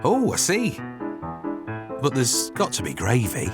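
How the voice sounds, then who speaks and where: A man's voice: mid-range voice, huge pitch swings, measured pace. A British man delivering cheeky scripted documentary narration with playful, teasing asides. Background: music.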